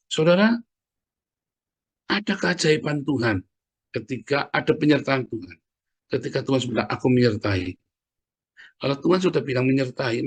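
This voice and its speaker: A middle-aged man preaching a sermon, often adding "Saudara ya" and dropping from loud peaks to quiet asides. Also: slightly rough. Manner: conversational preaching, often tagging phrases with "Saudara ya"; swings from loud emphatic peaks to low asides.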